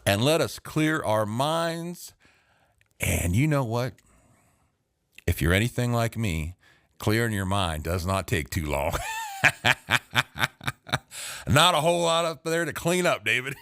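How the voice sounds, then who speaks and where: A man's voice: fairly low pitch, big pitch swings, unhurried, long pauses, pushed and bright. A middle-aged man hosting a late-night podcast from a home basement studio, rambling and joking casually, laughing at his own corny jokes, sounding tired. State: tired, running on energy drinks. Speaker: podcast host.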